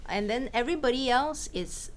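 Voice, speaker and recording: A woman from Malaysia, a film director, answering questions in a casual talk with quick anecdotes and frequent laughs. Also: fairly high pitch, expressive, a little hiss or hum. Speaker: film director giving a masterclass.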